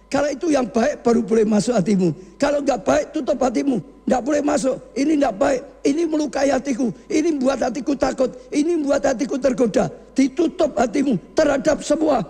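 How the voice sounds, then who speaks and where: A man preaching a sermon as pastor, speaking, calling on the congregation with questions, dropping low, then rising to shouts. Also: brisk, gravelly, few pauses, long reverb tail. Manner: calls the congregation "saudara", asks questions, swings from low to raised shouting.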